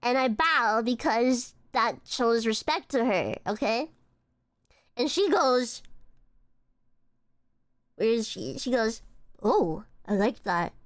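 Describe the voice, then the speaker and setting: High-voiced chatty woman streamer. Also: slow, pauses often, dry recording, clean studio sound. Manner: chatty and animated, with laughs and many fillers. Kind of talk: casual storytelling.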